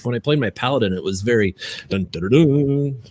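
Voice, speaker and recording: A man hosting a casual podcast among game masters, relaxed and a little hesitant. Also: medium pitch, fairly quick. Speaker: podcast host.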